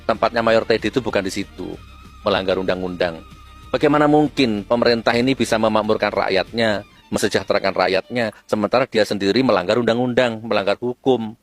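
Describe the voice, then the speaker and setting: A man delivering a scornful, fiery rant with sudden high-pitched outbursts. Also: brisk, soft background music. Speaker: preacher-style political commentator. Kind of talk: ranting monologue.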